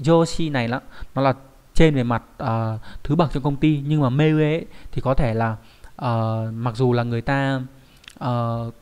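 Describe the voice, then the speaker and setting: A young adult man leads a vocabulary lesson in a patient, explanatory way. His voice sits at an ordinary middle pitch. He keeps checking in with his students through little rhetorical questions. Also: a little mellow. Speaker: Japanese language teacher.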